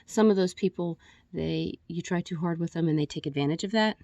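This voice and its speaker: Woman, candid rambling video message; slightly out of breath, lower voice, dry and close. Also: fairly quick, darkish tone, no room sound. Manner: rambling, candid, with frequent restarts and fillers. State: a little out of breath. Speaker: vlogger.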